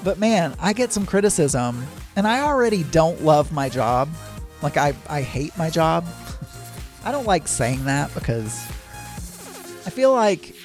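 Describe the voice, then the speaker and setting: Over soft background music, a podcast host from the American South chats casually and candidly on a solo show. Their medium-pitched voice swings widely in pitch at a measured pace, and they ramble, often breaking off mid-sentence and starting again.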